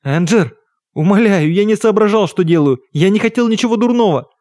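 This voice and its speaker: Terrified older male magician, stammering pleas, higher voice, dry booth ; a man voicing him. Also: brisk, a little mellow, no room sound, close to an everyday voice. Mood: pleading. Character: terrified aging male stage magician, pleading. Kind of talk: audiobook character voice.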